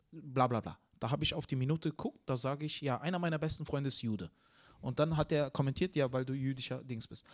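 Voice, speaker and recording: Animated man telling a story. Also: medium pitch. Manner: animated storytelling, swings loud when riled. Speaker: comedian and show host. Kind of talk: casual chat.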